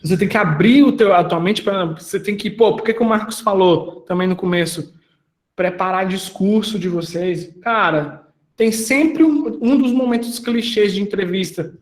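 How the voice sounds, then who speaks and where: Brief: male mentor, higher-pitched voice, lively and slangy, quizzes his listeners. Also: normal speed, reverberant. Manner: animated, slangy, asks the audience questions. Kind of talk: casual mentoring talk.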